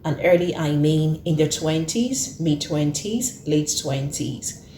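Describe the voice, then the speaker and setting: A woman in her thirties hosts an earnest, casual talk to camera, repeating her points for emphasis. Her low voice is expressive, mellow and slow-paced, and the recording is reverberant with a little hiss or hum.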